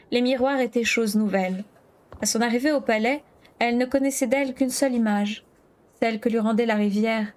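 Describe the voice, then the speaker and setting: A woman's voice: a little high, a little mellow. A woman reading a novel aloud on a stream, telling the story steadily with an occasional stumble. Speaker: book reader.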